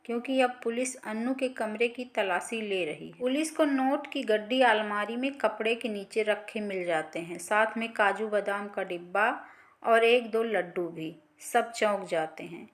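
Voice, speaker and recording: A woman storyteller reading a scripted family drama in an even, plain manner. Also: medium pitch, measured pace.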